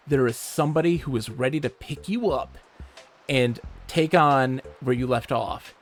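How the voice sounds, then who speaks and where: A man from Michigan, livestreaming, who tells animated, swear-laced stories and reads chat aloud. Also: medium pitch. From Michigan, USA. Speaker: streamer. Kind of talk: casual storytelling while livestreaming a game.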